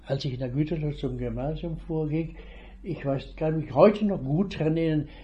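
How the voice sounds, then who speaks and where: In a recording that is muffled and carries a little hiss or hum, an octogenarian retired veterinarian slowly and haltingly reminisces about growing up, restarting his sentences as he goes. His voice is on the high side, and he comes from northwest Germany, with Low German as his native tongue.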